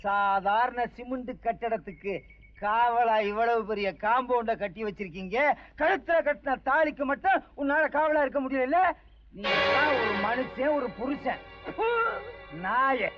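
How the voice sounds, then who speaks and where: An actor playing a brash, loud slum man who scolds and taunts with righteous fury. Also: sits high, lightly acted. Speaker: slum man named Munusamy. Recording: dull old film soundtrack with music.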